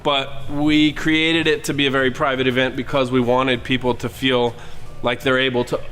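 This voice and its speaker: A man's voice: mid-range voice, level tone, moderate pace, fairly bright tone, long reverb tail, soft background music, rough recording. A man hosting a private event, welcoming guests and explaining how the evening works. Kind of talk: addressing a private gathering.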